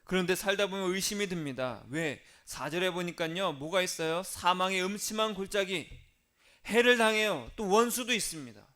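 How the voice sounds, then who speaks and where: High-voiced Korean pastor preaching. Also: male voice, moderate pace, sharp tone. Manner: call-and-response preaching, drops to whispers. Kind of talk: sermon.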